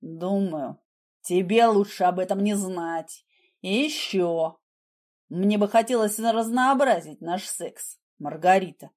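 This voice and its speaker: A woman's voice: mid-range voice, slow, darkish tone. A woman voicing a menacing, mocking husband in an audiobook, with a smug, taunting manner. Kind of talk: audiobook character voice.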